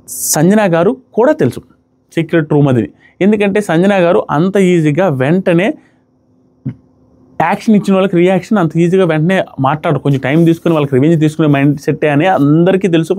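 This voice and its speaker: Guy doing a quick chatty show review, kinda high voice, very opinionated. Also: a little mellow. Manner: fast, opinionated, talking to viewers. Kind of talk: casual episode review commentary.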